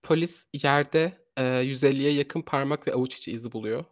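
Guy doing chatty true crime podcast, keeps rephrasing himself, hunts for words, mid pitch, super dry mic. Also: normal speed, no room sound. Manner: rephrases and repeats his own sentences. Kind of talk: conversational true crime storytelling.

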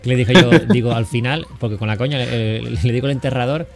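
A man's voice: mid-range voice, fast talker. A man in his forties from Cádiz hosting a casual, joking interview, teasing his guest and restarting his sentences often. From Cádiz, Spain. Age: 40s. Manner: banters and teases, many fillers and restarts. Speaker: podcast host. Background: faint background music.

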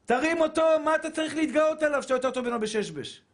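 A man preaching a Torah sermon as a rabbi, fervent and shouting, repeating phrases for emphasis and calling listeners his brothers. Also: extremely high pitch. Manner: addresses listeners as brothers and dear souls.

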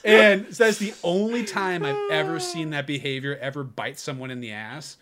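A young man who is a former Navy corpsman, telling a war story in casual podcast chat, profane and animated, laughing through his punchlines. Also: a little high, normal speed, heavy background noise.

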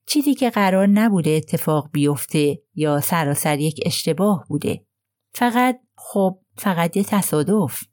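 A woman voicing a plain, earnest young male mechanic who speaks haltingly and apologetically, groping for words. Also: deep voice, darkish tone, dry recording, studio quality, close to an everyday voice.

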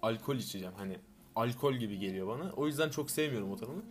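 A young man co-hosting a relaxed chat, tossing out easygoing banter at a brisk clip. His voice sits at a middle pitch. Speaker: podcast co-host. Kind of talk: casual chat.

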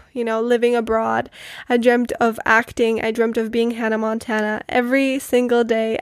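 A woman's voice: on the high side, no room sound, clean studio sound. A young woman from the Czech Republic, a native Czech speaker, hosting her own podcast and chatting earnestly about her life, with lots of "like" and "you know". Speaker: podcast host. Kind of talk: casual solo podcast storytelling.

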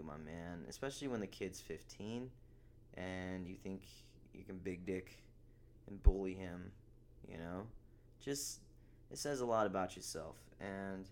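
A man's voice: deep voice, expressive, normal speed, slight background noise. A young man hosting a casual solo podcast, rambling and swearing, with a sarcastic streak. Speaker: podcast host.

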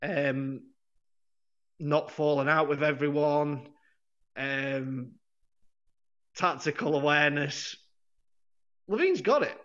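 A man's voice: a little high, slow pace, long pauses, a bit bright. A man co-hosting a football podcast in casual chat, rambling and correcting himself, laughing often. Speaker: podcast co-host. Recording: dull lo-fi sound.

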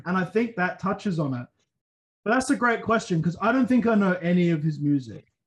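A man's voice: high voice, animated, a little fast, rough recording. A man, hosting a casual podcast chat in a crude, rambling way. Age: 20s. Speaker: podcast host.

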